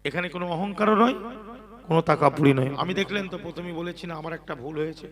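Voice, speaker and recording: A man preaching to a gathering. He moves between low conversational asides and loud, chanted passages. He keeps asking his listeners to answer him out loud. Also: fast talker. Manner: calls on the crowd to answer loudly, swings from soft talk to chanted preaching. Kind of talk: sermon.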